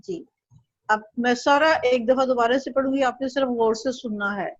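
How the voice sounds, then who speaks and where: A woman's voice: high-pitched, normal speed, no room sound, lo-fi sound. A woman teaching an online Chinese lesson, patiently drilling syllables and tones for the student to repeat.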